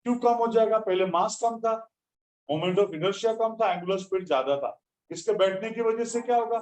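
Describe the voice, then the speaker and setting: High-voiced stern teacher lecturing a class. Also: male voice, moderate pace, a little mellow, poor audio. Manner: stern, lecturing students, calls them beta. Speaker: physics teacher. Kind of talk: classroom lecture, scolding then explaining.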